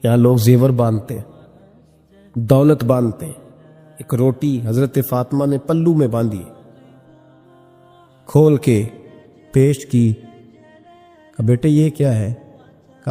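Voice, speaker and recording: A man's voice: medium pitch, mellow. Man, fiery sermon storyteller, faint music under a reverberant hall. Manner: impassioned, rises sharply for emphasis and rhetorical questions. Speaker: preacher.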